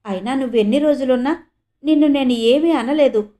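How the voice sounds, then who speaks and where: A woman's voice: high-pitched, fairly quick, dark tone, natural voice. Woman voicing a pleading bedridden mother. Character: ailing bedridden older mother.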